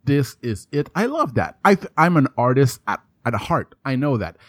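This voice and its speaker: A man from Canada, hosting a podcast interview in a playful, energetic way. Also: mid-range voice, normal speed, no echo, clean studio sound. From French Canada. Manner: playful, energetic, rhyming hype lines. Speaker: podcast host. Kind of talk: upbeat interview chat.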